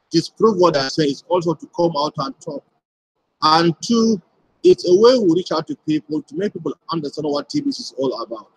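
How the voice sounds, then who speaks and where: A man's voice: fairly high pitch, husky, poor audio. A man giving a live broadcast to his community, explaining things step by step and often asking "why?" before answering it himself. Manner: repetitive rhetorical questions answered at once.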